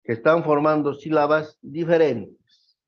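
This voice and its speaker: A man lectures a class at a slow, unhurried pace, stopping often to ask if everyone follows. The sound is dull and lo-fi. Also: on the high side. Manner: slow, explanatory, checks with frequent questions. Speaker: teacher. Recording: dull lo-fi recording.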